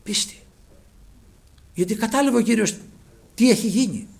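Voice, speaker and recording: A man preaching a sermon with fervour, his phrases often sinking to a hushed, low close. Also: vocal fry.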